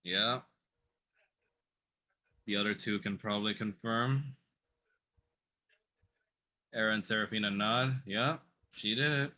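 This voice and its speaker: A man runs a tabletop role-playing game as its narrator. His voice is fairly low yet bright and forceful. He phrases things in a measured, dramatic way, leaving pauses. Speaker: game master.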